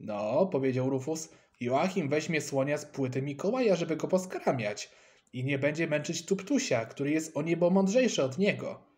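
A man's voice: fairly high pitch, expressive, normal speed, a little mellow, natural voice. Male reader doing a prickly schoolboy, teasing, bouncy storybook voice. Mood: mocking. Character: touchy schoolboy, dog owner, quick to fight.

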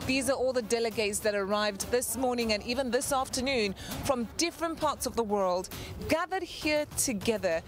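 A woman's voice: on the high side, normal speed. A woman TV reporter with a polished, upbeat presenter delivery on a handheld mic. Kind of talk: broadcast reporting. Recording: music under the report. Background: music.

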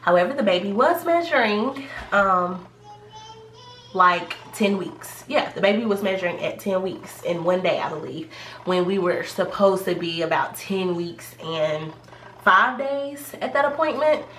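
A woman's voice: mid-range voice, animated, unhurried, a bit bright. A woman talking casually in a vlog, chatty and rambling with many fillers, sounding a little congested from a cold. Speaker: pregnancy vlogger. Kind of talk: casual vlog talk to camera. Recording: echoey room, faint background noise.

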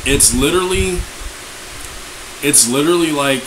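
An excited man reviewing a snack, exclaiming while talking with his mouth full. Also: fairly high pitch, normal speed, noisy background. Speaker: food reviewer. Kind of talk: casual taste-test vlog.

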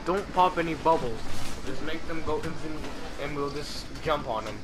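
A man's voice: a little high, normal speed. A young man bantering casually in a co-op video game, impatient and teasing with his partner. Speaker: let's play gamer. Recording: game music over the voice. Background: video game music and sounds.

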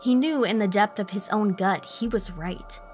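Woman, horror narration, measured, dramatic, faint music behind. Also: mid-range voice. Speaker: narrator and producer. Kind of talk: scripted horror story narration.

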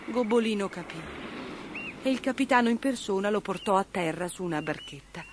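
Woman, storybook narrator, expressive reading, middle pitch, faint hiss. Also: brisk.

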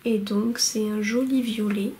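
Slow, mellow-voiced woman chatting about yarn. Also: mid-range voice, steady tone, a little hiss or hum, rough recording. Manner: chatty, hesitant, many fillers and restarts. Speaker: knitting vlogger showing yarn purchases. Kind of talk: casual show-and-tell vlog. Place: home room lit by a window.

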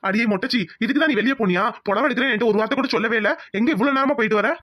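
A woman's voice: fairly high pitch, rapid-fire, a bit bright. A woman voicing a grumbling, scolding middle-aged village husband in a cartoon.

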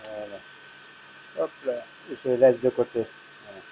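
A man's voice: mid-range voice, a little slow, mellow, slight background noise. A middle-aged man, a hotel chef giving a plain, step-by-step cooking demonstration on a lapel mic while he works. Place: hotel kitchen, indoors.

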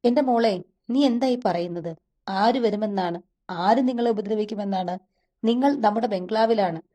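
A woman's voice: mid-range voice, normal speed, warm tone, close to an everyday voice. A woman voicing a protective young man who speaks to his sister in an anxious, reassuring way, in a storybook reading. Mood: worried, reassuring. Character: protective young man, caring older-brother type.

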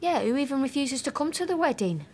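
A warm young bride-to-be with a Northern English accent. Her voice is on the high side, sincere and naturally acted as in a TV soap. Slight room noise lies behind it. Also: big pitch swings, quick pace. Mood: sincere, affectionate. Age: young adult.

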